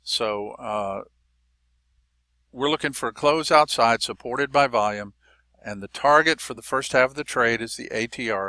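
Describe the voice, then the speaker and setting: Brief: man, trading teacher, casual and folksy, bright voice. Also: medium pitch, no echo. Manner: relaxed and folksy, with frequent fillers and small jokes. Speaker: trading educator. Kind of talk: explanatory market lesson.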